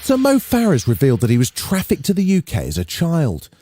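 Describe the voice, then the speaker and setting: A man hosting a daily news podcast, reading scripted news items in a lively, chatty way. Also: fairly high pitch, brisk, over music.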